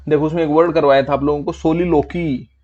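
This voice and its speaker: A man's voice: fairly high pitch, fairly even intonation, fast, mellow, highs cut off. A man teaching an online vocabulary class for exam prep, in a chatty, friendly way that mixes Hindi and English.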